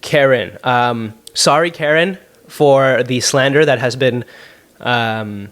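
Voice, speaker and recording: A man's voice: mid-range voice, slow pace, a bit bright. Joking, rambling young Canadian man. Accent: Canadian English. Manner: rambling, jokey, sarcastic asides. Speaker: podcast host. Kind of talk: solo podcast Q&A, casual chat. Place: apartment room at home.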